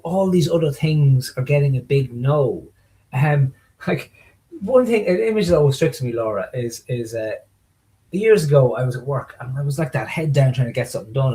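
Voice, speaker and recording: A man talking as a guest in a casual conversation, animated and acting out quoted exchanges as he tells stories, heard over a video call. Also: mid-range voice, poor audio.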